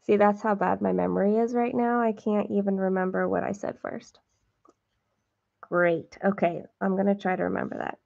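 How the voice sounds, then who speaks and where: A woman's voice: mid-range voice, flat delivery, moderate pace, gravelly, darkish tone, highs cut off. A woman hosting a cross-stitch livestream, chatting casually and self-deprecatingly with viewers while counting her stitches.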